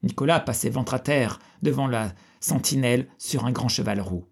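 A man reading a historical novel aloud in a steady, measured way. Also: mid-range voice, slightly rough. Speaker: audiobook reader.

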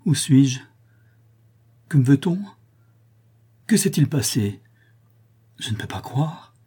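A man reading a novel aloud and voicing a feverish, bewildered older father who speaks in broken, halting phrases. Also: mid-range voice, big pitch swings, dark tone, breathy edge, voice pushed up, heavily acted. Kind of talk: audiobook character voice.

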